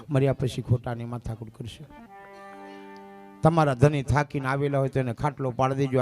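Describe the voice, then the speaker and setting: A man, a bhajan singer and preacher giving a folksy sermon at a village gathering, telling stories and breaking into drawn-out sung verses. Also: mid-range voice, a little mellow.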